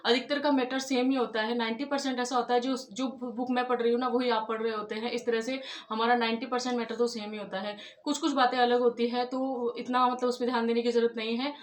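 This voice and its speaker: A woman talks fast and earnestly, giving study advice to exam candidates in a casual, repetitive way. Her voice is fairly high but stays level, with little rise and fall. The room around her is echoey. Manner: earnest, repeats "I'd like to tell you". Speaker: exam-prep tutor.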